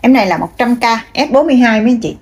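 A woman's voice: a little high, animated, racing, darkish tone, slightly rough. A woman, showing bags one by one and chatting straight to her viewers, with many fillers. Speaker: online seller. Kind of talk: casual product showcase.

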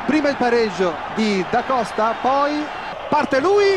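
An Italian man giving live football commentary with excited, urgent goal calls in short breathless bursts. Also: very high-pitched, a little slow, over a noisy crowd. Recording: noisy old TV broadcast, stadium din. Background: loud stadium noise.

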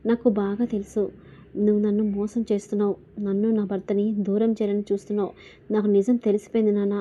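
A woman's voice: mid-range voice, level tone, fast talker, mellow, dull audio, natural voice. Woman narrator voicing defiant young wife, Mithuna. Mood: angry. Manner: insistent, confrontational questioning. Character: angry young married woman, fiercely defiant.

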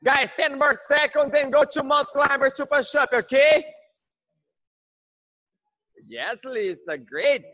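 High-pitched, hard-driving gym-bro fitness coach, male. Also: unhurried, pauses often, pushed and bright, muffled recording. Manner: high-energy gym-bro encouragement, clipped repeated praise. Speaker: group fitness instructor. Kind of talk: workout class coaching, shouted cues and countdowns. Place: large indoor gym, on a video call.

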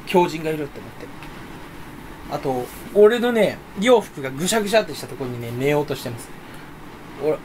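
A young man chats on his own from his room at home, hopping from topic to topic and making fun of himself. His pitch leaps around as he talks, and he talks fast with sudden loud outbursts. A faint hiss sits under the recording. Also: sing-song. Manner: scattered, self-mocking, jumps between topics, sudden loud outbursts and mouth noises. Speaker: streamer chatting solo. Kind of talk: rambling casual chat.

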